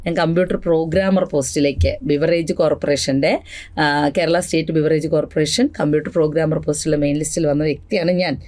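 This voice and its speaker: A young woman with a lower voice teaches an exam revision class. She draws out each vocabulary word slowly for her students to repeat. Between drills she rattles off quick side remarks and speaks to her students as "children". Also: steady tone, darkish tone. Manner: drills word lists slowly, then chats quickly with asides; addresses students fondly as children.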